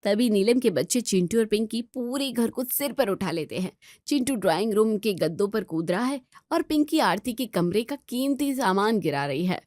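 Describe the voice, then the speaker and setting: A woman's voice: medium pitch, expressive, moderate pace, few pauses, a little mellow, no room sound. Woman narrating a family story, dry close sound.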